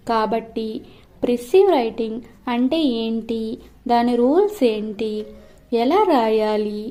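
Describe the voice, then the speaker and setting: A woman teaching an exam-prep class at a very unhurried pace. Her voice sits slightly high and sounds soft and mellow. She reads definitions aloud word by word and then explains them. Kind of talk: exam-prep lesson in Telugu and English.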